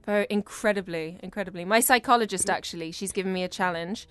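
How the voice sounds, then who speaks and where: A woman's voice: medium pitch, fast talker, a bit bright, smooth, no room sound. A young woman from the UK chatting casually with a friend, laughing often and swearing now and then. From United Kingdom. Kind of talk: casual chat.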